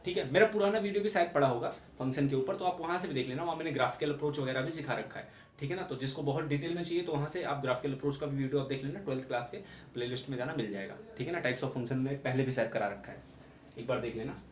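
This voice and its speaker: A man's voice: medium pitch, very fast. A young man teaching maths in a classroom-style lecture, repeating key points and checking understanding with rhetorical questions. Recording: echoey room, mic at a distance, background noise.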